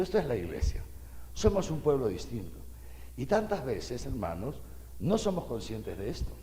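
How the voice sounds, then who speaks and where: Older male preacher from Peru, lively folksy catechesis, high and gravelly, in a reverberant hall. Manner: animated, folksy preaching with many rhetorical asides to listeners. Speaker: bishop giving catechesis. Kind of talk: sermon.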